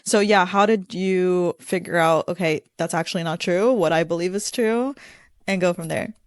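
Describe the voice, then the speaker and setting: A woman's voice: fairly low pitch, normal speed, dry recording, studio quality. A woman in her late twenties hosting a podcast, encouraging and asking follow-up questions. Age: 20s. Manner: encouraging, frequent backchannels. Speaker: podcast host. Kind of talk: casual interview chat.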